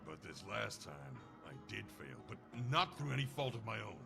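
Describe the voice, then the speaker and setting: A man voicing a grim, weary mercenary in a game, talking curtly and gruffly. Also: fairly low pitch, big pitch swings, normal speed, music in the background, full character voice. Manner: gruff, brooding, curt. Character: grim weary male mercenary searching for his wife. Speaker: game character. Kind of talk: game voice acting.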